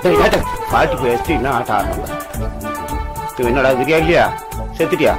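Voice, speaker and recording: A man playing a rowdy, hurried drunk in a comic film scene. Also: mid-range voice, expressive, loud music behind the voice, close to an everyday voice.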